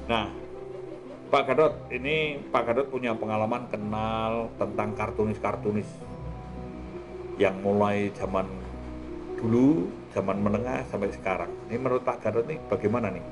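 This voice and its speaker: Over background music, a fairly low-voiced man speaks at a moderate pace as host of an art talk show. His Indonesian carries a Javanese accent, and his rambling, colloquial chat is peppered with small tag questions.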